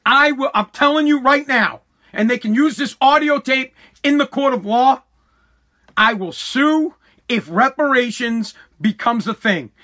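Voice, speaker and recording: Speaking unhurriedly in a very high-pitched, pushed and bright voice, an American man from the United States hosts a podcast. His solo rant is full of opinion, delivered combatively, emphatically, repetitively and with profanity.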